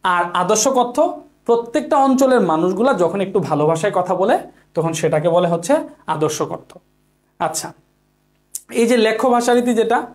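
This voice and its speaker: In an online lecture preparing students for exams, a teacher whose voice sits high poses questions to the class and then answers them himself. He goes over key points more than once and drops in English words.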